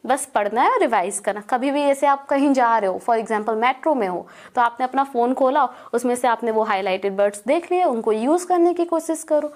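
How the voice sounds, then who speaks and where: A young woman giving relaxed, casual advice on preparing for a competitive exam, easily mixing English words into her Hindi. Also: sits high. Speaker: exam prep advisor. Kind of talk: casual study-advice talk.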